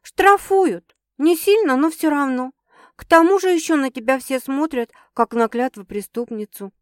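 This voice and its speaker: A woman's voice: sits high, normal speed, no room sound, pitched above the performer's own voice, natural voice. A woman voicing a grumbling young woman in an audiobook, dry and sulky. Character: grumbling young woman, new at a city job. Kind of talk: audiobook character voice.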